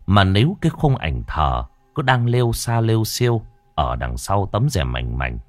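A man narrating a ghost story in a dramatic way, slowing down for tense moments. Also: fairly low pitch, sing-song, no echo. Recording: dry close voice with faint background music.

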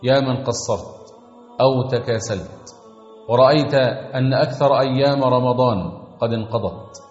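A man's voice: medium pitch, normal speed. A man preaching a sermon, exhorting his listeners with earnest, rhythmic repetition. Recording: echoey long reverb, dull sound, faint music.

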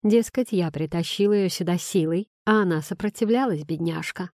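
A woman reading a first-person novel aloud, in a steady, measured way. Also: lowish voice, no echo, studio quality. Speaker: audiobook reader. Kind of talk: first-person audiobook narration.

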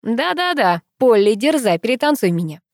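A woman's voice: a little high, big pitch swings, normal speed, dry recording. A playful young man teases and mocks his best friend in easy banter, voiced by a woman reading the story. The sound is dry and close, with no room around it. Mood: teasing.

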